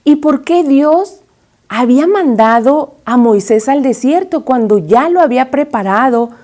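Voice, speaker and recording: Woman, Mexican Spanish accent, children's Bible teacher, storytelling, slightly high voice. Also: expressive, measured pace, a little mellow. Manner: storytelling, asks the children questions.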